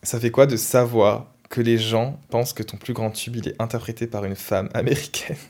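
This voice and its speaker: A man's voice: mid-range voice, flat delivery, normal speed, darkish tone. A man hosting a podcast interview, chatty and slangy in a loose, casual way. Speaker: podcast host.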